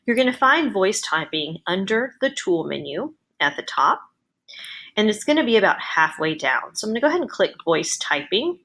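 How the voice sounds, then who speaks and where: A woman narrating an explanatory software tutorial as an educator. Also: medium pitch.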